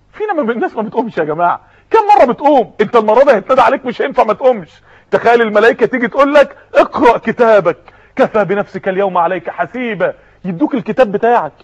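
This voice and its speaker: A man's voice: very high-pitched, breathy edge. A man preaching a sermon with an Egyptian Arabic accent, impassioned and dramatic, talking straight to his listeners. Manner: impassioned, dramatic, addresses audience directly. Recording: dull lo-fi audio recording.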